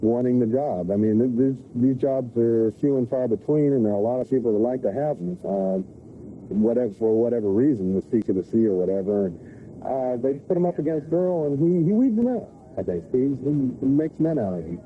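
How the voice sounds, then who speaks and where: A man talks haltingly, repeating words and restarting as he speaks about a coworker. The sound is thin and tinny, from an old VHS tape, with faint outdoor noise behind him. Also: mid-range voice, expressive. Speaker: engineer and deckhand. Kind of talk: interview.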